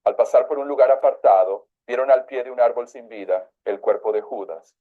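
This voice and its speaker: A man's voice: mid-range voice, fairly quick, phone-quality sound. A man preaching, reading a religious text aloud and breaking off to comment on it in his own words.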